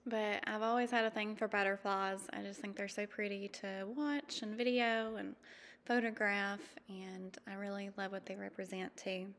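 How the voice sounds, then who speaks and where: A woman in her thirties narrating a travel vlog in a chatty, easygoing way, with frequent ums and quick laughs. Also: medium pitch, steady tone, a bit bright, in a large hall, a little hiss or hum. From mountain region. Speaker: vlogger. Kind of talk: casual voice-over narration.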